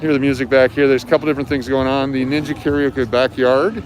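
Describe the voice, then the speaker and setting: On a live nighttime walking tour, a male host talks fast in a steady, mid-range voice, casually explaining what he passes. Faint music plays behind him, and the city street around him is loud with traffic.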